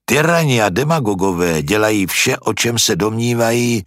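A man voicing a calm, patient old philosopher who reasons through questions, in a storybook reading. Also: lowish voice, dry recording, clean studio sound, close to an everyday voice. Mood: probing.

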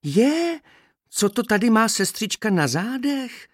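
A man voicing tiny young female bees who are eager and impatient to fly, in a high, squeaky, excited voice. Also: breathy edge, no room sound, clean studio sound, exaggerated voice.

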